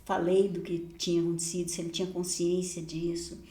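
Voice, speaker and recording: A woman pastor telling a personal testimony in a podcast conversation, lively and often laughing, acting out the dialogue of her story. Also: on the low side, brisk, echoey room.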